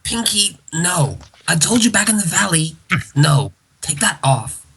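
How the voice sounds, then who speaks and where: A man's voice: high voice, big pitch swings, measured pace, fairly bright tone, slight background noise, full character voice. Man voicing a bossy bookish pony leader. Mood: scolding.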